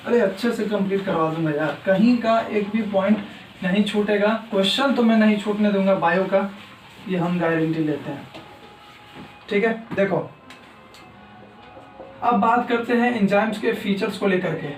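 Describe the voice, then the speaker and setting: Man, teacher, exam-prep lecture, high voice, echoey room, distant mic, repeats terms. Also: moderate pace, pauses often, faint music behind. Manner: talks to students directly, repeats key terms while writing.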